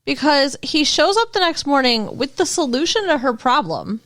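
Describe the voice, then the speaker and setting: Lively, higher-voiced woman podcast co-host. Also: moderate pace. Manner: chatty and wry, swears casually. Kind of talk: casual recap chat.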